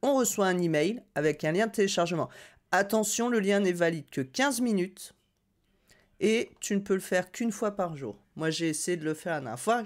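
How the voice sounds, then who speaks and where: Chatty woman tutorial host. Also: sits low. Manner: chatty, upbeat, with frequent filler "euh". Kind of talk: casual screen-share tutorial.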